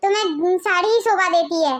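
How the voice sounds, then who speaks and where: A high voice doing a put-upon coaxing husband. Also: a little fast, a bit bright. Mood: lecturing. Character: adult husband torn between two wives, placating. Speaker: husband in a family skit. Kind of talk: amateur family skit acting.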